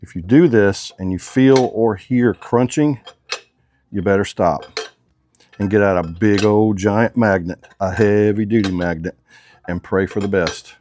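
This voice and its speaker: Low-voiced man talking shop over tools. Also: measured pace, darkish tone, a little hiss or hum. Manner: casual, drawling shop talk with slang. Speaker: motorcycle mechanic. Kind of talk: hands-on workshop demonstration. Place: workshop.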